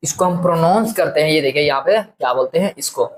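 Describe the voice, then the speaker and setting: A man's voice: a little high, a little hiss or hum. Chatty young man tutoring trigonometry. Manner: chatty, asks and answers his own rhetorical questions; slows right down to drill a term word by word. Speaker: maths tutor. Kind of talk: casual classroom-style maths explanation.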